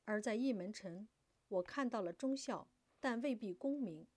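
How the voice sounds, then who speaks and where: A woman voicing a fiery, defiant young daughter who declaims loudly and passionately. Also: mid-range voice, animated, moderate pace, breathy edge, no room sound. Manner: impassioned, loud declaiming.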